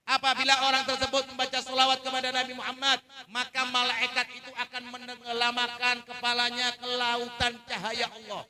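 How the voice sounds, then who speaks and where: A man with a Banjar Malay accent preaching a sermon, telling a religious story and then leading a loud, chanted prayer. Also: very high voice, completely flat delivery, fairly quick.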